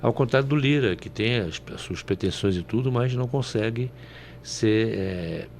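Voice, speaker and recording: A man's voice: mid-range voice, animated, normal speed, vocal fry, darkish tone, a little hiss or hum. A man from Brazil commenting on politics on a panel show, folksy and anecdotal, often ending with "né?".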